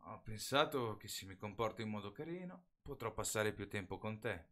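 A man's voice: fairly low pitch, expressive, moderate pace, sharp tone. A man voicing an easygoing, protective teenage boy with a teasing manner. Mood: friendly.

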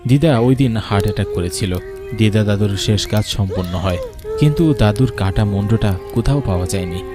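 A man narrating a horror cartoon story in a steady, scripted storytelling delivery. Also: lowish voice, brisk, over loud music.

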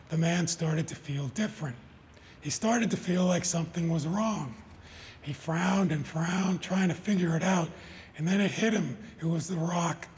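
A man reading his short stories aloud at a live event, in an even, deliberate storytelling manner. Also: fairly high pitch. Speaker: author. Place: live reading before an audience.

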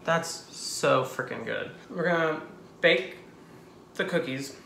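A man in his twenties chatting casually and excitably to camera as he bakes, giggly and gushing. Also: on the high side, takes it slowly, gravelly. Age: 20s. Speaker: host of a home baking vlog. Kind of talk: casual chat to camera while baking. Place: home kitchen. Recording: echoey kitchen, clicks and background noise.

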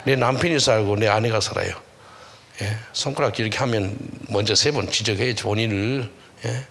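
Pastor guy preaching, gravelly fry in his voice, acts out the scenes in his stories. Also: fairly low pitch, normal speed. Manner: animated storytelling, acting out dialogue, emphatic exhortation. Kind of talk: sermon. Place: church hall.

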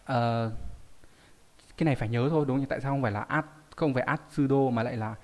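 Male teacher, live online class, conversational explaining, asks questions as he goes, mid-pitched voice. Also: quick pace, a little mellow. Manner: reads viewer names and explains readings, asking rhetorical questions. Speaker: Japanese teacher.

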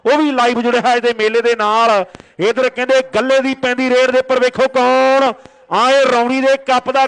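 A man giving excited rural kabaddi commentary, announcing in repeated stock phrases. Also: extremely high pitch, rough recording.

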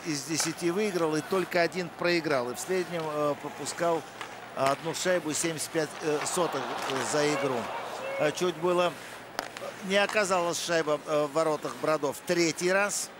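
A man giving live ice hockey commentary in a halting way, with many drawn-out hesitation pauses. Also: on the high side, noisy background. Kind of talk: live play-by-play sports commentary.

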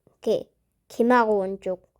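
A woman vlogger slowly narrating as she draws a map, musing aloud and talking to herself as she works. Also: mid-range voice, fairly even intonation. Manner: slow, musing, talks to herself while drawing. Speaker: drawing vlogger. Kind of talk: casual narration while drawing a map.

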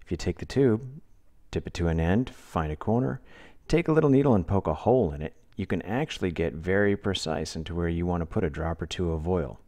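A man hosting a do-it-yourself channel, talking through a craft demonstration in a relaxed, practical, plain-spoken way as a close-miked voice-over. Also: low-pitched, a little fast. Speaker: DIY channel host. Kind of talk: casual tutorial voice-over.

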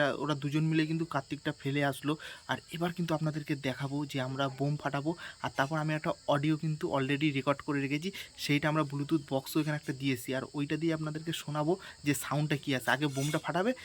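A man vlogs on a dark street at night, talking quickly and keeping his voice low as he creeps along. His voice sits a little high, and he speaks into a handheld phone. Faint crickets and insects chirp behind him. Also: slight background noise. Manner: speaking quietly in a hushed voice while sneaking near a house. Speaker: vlogger. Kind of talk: casual vlog narration.

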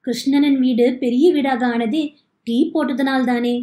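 A woman's voice: high voice, fairly even intonation, unhurried, warm tone. Woman voicing a practical, argumentative village woman. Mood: persuasive. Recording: echoey room.

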